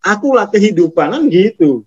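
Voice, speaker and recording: A man's voice: high-pitched, very animated, normal speed, darkish tone, slightly rough, highs cut off. A man with a Javanese accent giving a casual spiritual talk, chuckling often and acting out a scolding inner voice. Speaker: spiritual teacher.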